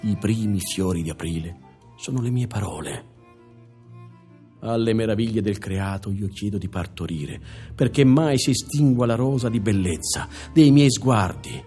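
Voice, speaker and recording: A man's voice: lowish voice, mellow. A male actor voicing a self-proclaimed queen, reciting her poem in a solemn, declamatory way.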